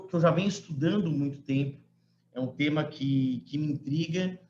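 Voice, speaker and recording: A Brazilian law professor in his forties gives a conversational online lecture from a room at home, often checking in with students through short tag questions and quoting emphatically. His medium-pitched voice comes through a computer mic on a video call, roomy and muffled with a little hiss or hum.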